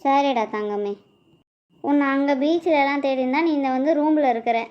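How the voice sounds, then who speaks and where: Brief: gentle, caring mother voiced by a woman, high-pitched, amateur audio drama on a lo-fi recording. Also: normal speed, natural voice. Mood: tender. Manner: tender, patient, coaxing. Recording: dull, lo-fi recording.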